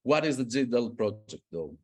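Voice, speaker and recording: A man from Greece, presenting a data tool in an online workshop, explaining step by step with many pauses and fillers. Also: mid-range voice, very animated, slightly rough. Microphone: video call.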